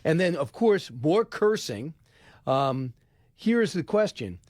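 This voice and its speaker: A middle-aged man hosting political talk radio, commenting in an animated, indignant way. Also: a little high, no echo. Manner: animated, indignant, quick asides. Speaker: radio host. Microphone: studio microphone.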